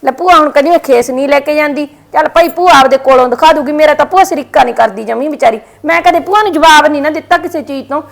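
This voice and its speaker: A woman playing a bossy, scheming village woman in a short drama, giving quick instructions with a Punjabi accent. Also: high-pitched, gravelly.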